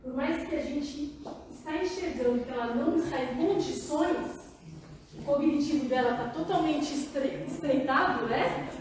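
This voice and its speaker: High-voiced woman lecturing in an echoey hall. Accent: Brazilian Portuguese. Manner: warm, conversational, asks the audience often. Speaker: psychoanalyst giving a talk. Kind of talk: public talk answering audience questions. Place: large meeting hall. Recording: very echoey hall, voice far from mic.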